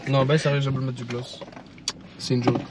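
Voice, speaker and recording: A man's voice: medium pitch, flat delivery, fast, noisy background. A young man, chatting casually in slang as he drives in a car. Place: inside a moving car. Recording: loud music behind, in-car sound. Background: loud music.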